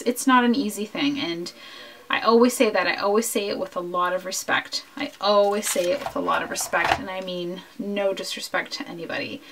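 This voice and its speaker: A woman's voice: mid-range voice, background noise. A woman vlogger talking earnestly and from the heart while she works on a scrapbook, drifting from topic to topic. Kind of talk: casual talk over a crafting video.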